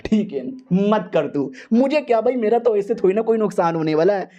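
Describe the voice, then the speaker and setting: Man playing a cocky teasing young cultivator, mellow tone; lo-fi recording. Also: high-pitched, expressive, brisk. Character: cheeky shameless young male cultivator hero. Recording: dull lo-fi sound.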